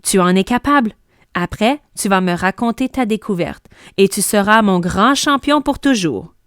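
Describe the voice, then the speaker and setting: A woman voicing a calm, reassuring mother in a storybook, speaking low and softly. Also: moderate pace, dry recording, studio quality, lightly acted. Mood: soothing. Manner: low and soft-spoken.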